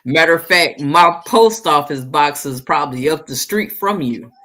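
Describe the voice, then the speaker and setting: Lively woman in her seventies, bright voice. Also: deep voice, normal speed. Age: 70s. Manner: animated, loud exclamations and bursts of laughter. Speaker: guest caller on a live chat. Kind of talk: casual chat.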